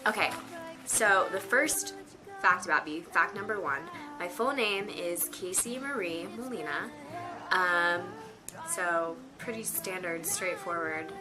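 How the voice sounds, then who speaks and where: A woman's voice: on the low side, animated, takes it slowly, music in the background. A nineteen-year-old woman chatting casually to camera from her bedroom, rambling with lots of fillers. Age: teens. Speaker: vlogger. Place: her bedroom on a rainy day.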